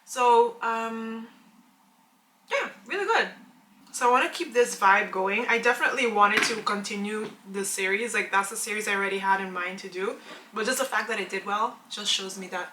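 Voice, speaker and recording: A woman's voice: mid-range voice, moderate pace, sharp tone, slight background noise, rough recording. A woman in her late twenties talking casually to camera as a vlogger, chatty and rambling with many fillers and restarts. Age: late 20s. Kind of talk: casual vlog chat to camera.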